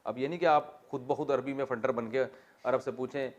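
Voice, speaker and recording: Man teaching a lively Quran grammar class. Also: medium pitch, highs cut off. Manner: explains grammar with questions to the class and joking asides. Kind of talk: classroom Quran exegesis lesson.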